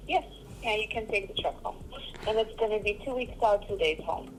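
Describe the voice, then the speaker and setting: A woman's voice: medium pitch, brisk, faint music behind. A woman recruiter heard over a phone call, answering questions patiently with many hesitant fillers. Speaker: trucking company recruiter.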